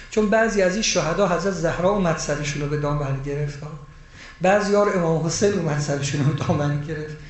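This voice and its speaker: Male preacher, high voice, sermon, loud rises and hushed asides, echoey room, faint background ambience. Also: slight background noise. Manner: swings between loud emphatic rises and hushed quiet storytelling.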